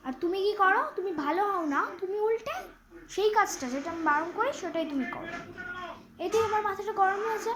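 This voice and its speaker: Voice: very high-pitched, brisk, noisy background. A child playing a strict scolding mother. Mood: soothing. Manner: bossy, threatening, nagging. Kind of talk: pretend-play role-play. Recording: clear background music.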